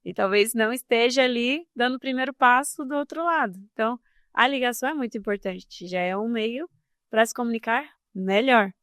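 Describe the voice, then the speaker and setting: Woman on a podcast, casual and expressive, slightly high, dry studio sound. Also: a little fast, dry recording. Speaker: podcast guest, communication specialist.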